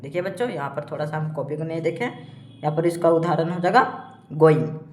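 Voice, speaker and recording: Woman teacher, Bihari Hindi accent, low voice, slow word-by-word reading, roomy echo. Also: noisy background. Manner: reads word lists aloud slowly, adds frequent "theek hai". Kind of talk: classroom lesson.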